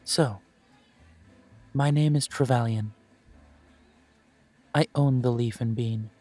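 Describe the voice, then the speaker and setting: In scripted one-sided roleplay audio, a man voices a courteous elven coffee shop owner interviewing a job applicant. He speaks unhurriedly in a medium-pitched, mid-range voice, formal, gracious and gently self-deprecating, while soft music plays quietly beneath him.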